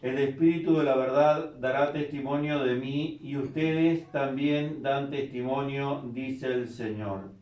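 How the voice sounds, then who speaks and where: A man's voice: mid-range voice, fairly even intonation, a little slow, few pauses, darkish tone, lo-fi sound. A man serving as priest, reading scripture and preaching in a careful, explanatory way, his voice carried by a cathedral echo. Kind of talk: liturgical reading and homily. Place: large church. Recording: echoey church from a distance.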